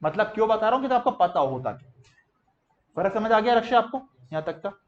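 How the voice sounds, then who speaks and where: High-voiced man teaching a lively class. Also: a little fast, echoey room, dull audio. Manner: lively, quizzing students in call-and-response drills. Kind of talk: classroom lecture. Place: classroom with students.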